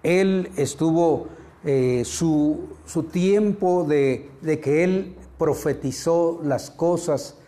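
Guy pastor preaching a sermon, slow and kinda high voice, keeps asking the church questions. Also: dark tone. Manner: asks the congregation questions, grows more fervent.

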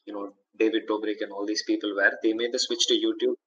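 A man's voice: fairly low pitch, level tone, quick pace, fairly bright tone, dull audio. A young man from India co-hosting a casual tech chat, talking in long rambling stretches full of fillers. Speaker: podcast co-host.

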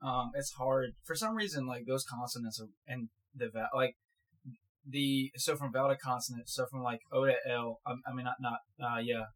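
A young man with a stutter, chatting casually as a podcast co-host, talking in halting bursts with many restarts. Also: medium pitch, fairly even intonation, fairly bright tone, rough recording. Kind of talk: casual chat. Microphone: one shared mic.

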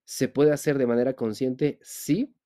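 A man's voice: mid-range voice, steady tone, a little slow, warm tone. A man hosting a spiritual podcast, talking directly to the listener and asking rhetorical questions. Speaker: podcast host.

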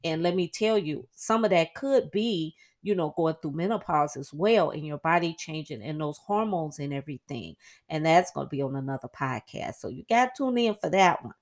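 A middle-aged woman hosting a podcast, talking casually on her own in a chatty, animated way that leaps up in pitch for quoted asides. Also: normal speed. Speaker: podcast host. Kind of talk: casual solo podcast monologue.

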